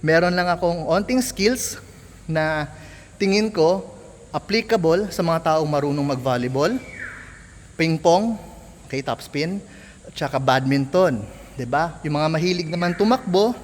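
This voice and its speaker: Candid Filipino man with high voice. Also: moderate pace, pauses often. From Philippines. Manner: candid, apologetic, mixing English into Tagalog. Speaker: amateur tennis coach. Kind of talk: casual explanatory vlog. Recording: long hall reverb, faint ambient noise.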